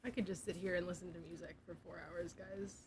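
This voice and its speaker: A woman's voice: on the low side, flat delivery, fast talker, a little hiss or hum, poor audio. A young woman streaming, chatting casually and giggly, sometimes dropping to a near whisper. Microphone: desk mic.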